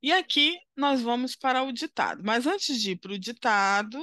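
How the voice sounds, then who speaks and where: A woman's voice: on the high side, lively intonation, normal speed, pushed and bright, no echo, clean studio sound. A woman with a Brazilian Portuguese accent, teaching a primary school lesson as she walks through a worksheet. She talks patiently and encouragingly, often checking in with the listener.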